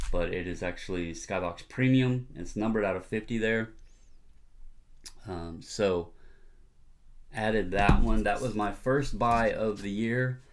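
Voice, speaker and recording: A middle-aged man with a fairly low voice speaks as the host of a hobby video. His delivery is a casual, opinionated monologue. He comes across as earnest and emphatic, using everyday colloquial phrasing.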